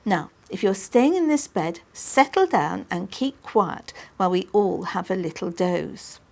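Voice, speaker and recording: A woman's voice: mid-range voice, animated, measured pace, creaky, darkish tone. Fussy storybook mum, bossy and doting, read by a woman in a slightly raised voice. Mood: fond. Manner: bossy, scolding, gushing. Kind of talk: audiobook reading.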